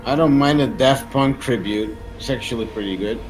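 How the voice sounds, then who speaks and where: A man's voice: medium pitch, normal speed, faint music behind, poor audio. A young man streaming a game and chatting casually with friends, joking, laughing and swearing freely. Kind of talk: casual chat while gaming.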